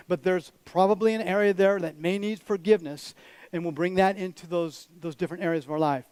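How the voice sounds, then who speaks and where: A man's voice: sits high, a little mellow, smooth, no room sound. A man preaching a sermon as a pastor, direct and conversational, with teasing asides to the congregation. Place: church.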